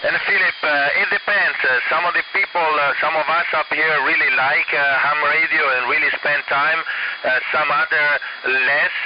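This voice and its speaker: A man answering questions as an astronaut over a ham radio link. He talks haltingly with many fillers and ends each answer with "over". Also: on the high side, fairly even intonation. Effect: ham radio transmission, walkie-talkie style. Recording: lo-fi radio link with loud static.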